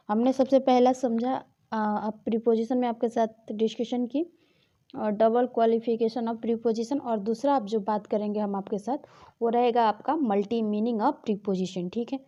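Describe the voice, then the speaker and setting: A woman's voice: fairly high pitch, warm tone, highs cut off. A woman teaching an exam-prep grammar lesson, explaining patiently and often checking in with her students. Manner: explanatory, repeats key points and checks with "ठीक है".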